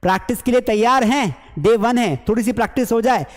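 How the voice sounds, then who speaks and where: A man teaching an online spoken English class, lively and teasing, who acts out his learners' mistakes. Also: very high voice, fairly quick, big-room sound.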